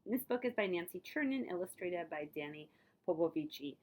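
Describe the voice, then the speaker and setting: A woman with a lowish voice reads a picture book aloud at a brisk clip, librarian-style. She's expressive, adding dramatic emphasis to key words and dropping in explanatory asides.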